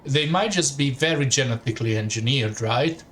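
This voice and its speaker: A man streaming a story game, voicing its text in second person at an ordinary middle pitch. He reads along and breaks off now and then for a casual comment of his own. A faint hiss sits under the voice. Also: moderate pace, a bit bright. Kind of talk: reading a story game aloud with asides.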